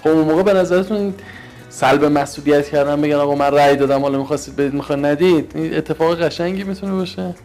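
A man's voice: a little high, darkish tone, soft background music. A man interviewing a guest with direct, probing questions.

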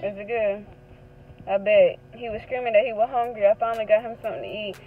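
A woman's voice: mid-range voice, quick pace, narrow, tinny audio. A woman hosting a casual shopping vlog, chatting and teasing while talking straight to her viewers. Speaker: vlog host, mother.

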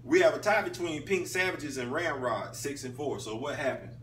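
Holding a phone camera at arm's length in a small room with a poster on the wall, a thirtysomething man hosts a casual flag football league recap at a moderate pace. He talks emphatically, alternating loud call-outs with low asides, and the phone audio sounds a bit distant with a faint hum.

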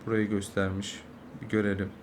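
A young man, a mobile game streamer, giving live gameplay commentary, swearing constantly and swinging from angry yelling to low muttering. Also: little pitch movement, a little fast. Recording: noisy game audio behind.

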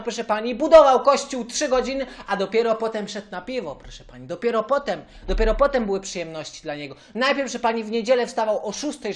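A man voicing a hot-tempered young male churchgoer in a prank phone call, ranting and repeating the same phrase of address. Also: high voice.

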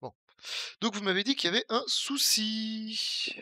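A man's voice: high-pitched, a little slow, sharp tone, dry recording, studio quality. Chatty young Parisian man streaming games. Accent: Parisian French. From Paris region, France. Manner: chatty, joking, reads and answers chat. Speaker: Twitch streamer. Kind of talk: casual live-stream game commentary.

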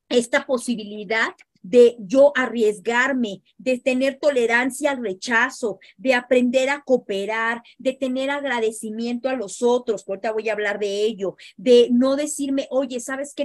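Animated Mexican woman psychologist. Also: a little high, no echo. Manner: animated, acts out parents and teens in quoted asides. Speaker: psychologist guest. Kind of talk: interview, explaining to parents.

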